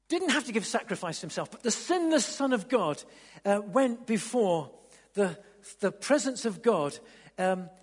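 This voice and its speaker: A man preaching a sermon, stumbling over and repeating words, then building to excited emphasis. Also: high-pitched. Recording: long hall reverb.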